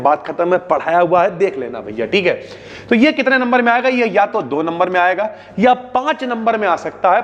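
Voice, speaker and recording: Young north indian guy teaching exam tips, high voice, chatty, calls everyone bhaiya, echoey long reverb. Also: dull audio. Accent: North Indian Hindi. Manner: chatty, addresses students as bhaiya, homely examples, drops pitch on asides. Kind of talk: casual Hindi exam revision lesson.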